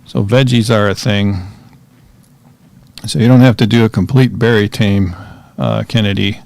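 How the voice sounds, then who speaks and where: Chill guy narrating his game as he plays, kinda gravelly voice. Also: lowish voice, normal speed, no room sound. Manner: relaxed, chatty, talks to himself while playing. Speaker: gaming streamer. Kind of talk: casual gameplay commentary.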